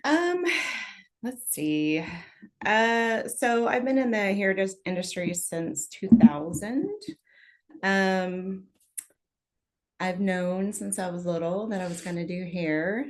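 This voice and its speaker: A woman in her forties, a guest on a casual podcast, answering in an easygoing way with many pauses and ums. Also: mid-range voice, darkish tone. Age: 40s. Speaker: podcast guest, salon owner. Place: unfinished gym office. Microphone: laptop, recorded on a call.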